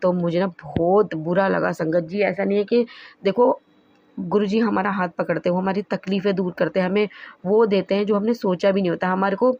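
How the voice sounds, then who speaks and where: A woman's voice: medium pitch, fairly even intonation, fairly quick, a little mellow, highs cut off. A woman sharing a devotional testimony in an earnest, emotional way, rambling and restarting, recorded as a phone voice note.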